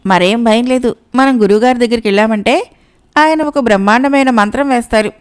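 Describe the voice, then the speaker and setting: A woman's voice: on the high side, fairly quick, clear, resonant tone, lightly acted. A woman voicing Govindayya, a bossy, blustering male porter who pushes his friend along.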